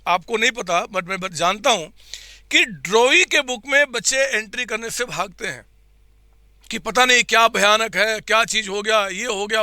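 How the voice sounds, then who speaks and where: A man teaches accounting in a live online class, quizzing his students and coaxingly supplying their answers himself. His slightly hoarse voice sits high and sounds pushed and bright, recorded in clean studio sound with no echo.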